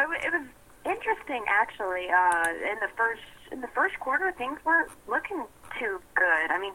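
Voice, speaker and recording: Young woman, sports reporter on phone line, bright voice, faint noise. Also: on the high side. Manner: chatty, laughs often, many restarts. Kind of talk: casual on-air report.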